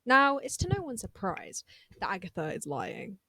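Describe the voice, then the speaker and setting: A woman recapping a TV episode in a casual, chatty way, full of excitable asides. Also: mid-range voice, moderate pace, husky, no room sound. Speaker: recap vlogger.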